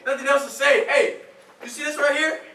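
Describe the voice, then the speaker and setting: A young male player makes an earnest pep speech in a high, bright voice. His delivery comes in halting bursts. He is some way from the mic in an echoey room. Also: fairly even intonation. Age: young adult. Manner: halting, peppered with "hey". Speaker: football player. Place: indoor locker room. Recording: echoey, distant camera mic, faint noise.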